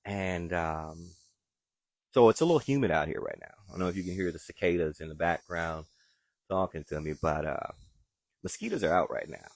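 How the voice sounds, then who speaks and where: Outdoors in his backyard, a man with a Southern accent hosts a live gardening chat and answers viewers' questions in a relaxed, talkative manner. His voice is deep, his pace moderate, and the recording is dry. He's a gardening show host.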